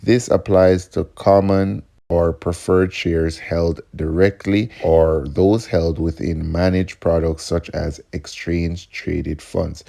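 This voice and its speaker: A man's voice: low voice, steady tone, slow pace, creaky, hardly any pauses, mellow. A man hosting an investing video channel, explaining topics in a casual, upbeat way and calling the viewers "guys" again and again. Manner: upbeat, addresses viewers as guys, repeats points. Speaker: host of a stock investing channel.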